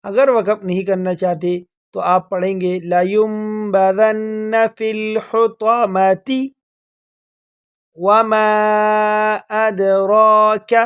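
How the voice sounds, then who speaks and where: A man teaching a Quran recitation lesson. He explains briskly, then draws out the recited words very slowly. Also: high voice, darkish tone. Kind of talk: tajweed lesson.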